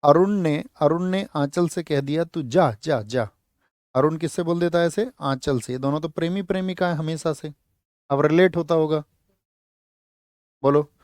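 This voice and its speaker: A man's voice: a little high, normal speed, darkish tone, no echo, studio quality. A man teaching an exam-prep lecture who quizzes his students, answers his own questions and repeats key words so they stick.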